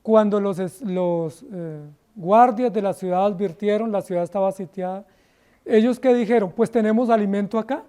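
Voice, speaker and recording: A man from Colombia with a Colombian Spanish accent, a pastor preaching a sermon with rhetorical questions, slowing down to stress key words. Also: high-pitched, dark tone, clear, resonant tone.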